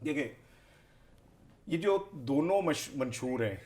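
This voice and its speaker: A man's voice: on the high side, animated, a little mellow. A man giving heated political commentary as an analyst, speaking in an impassioned, rhetorical way and piling up questions.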